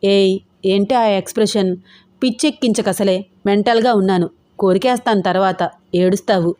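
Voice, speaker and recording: A woman's voice: medium pitch, moderate pace, dark tone, no room sound, close to an everyday voice. A woman playing a teasing young husband. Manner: cajoling, teasing.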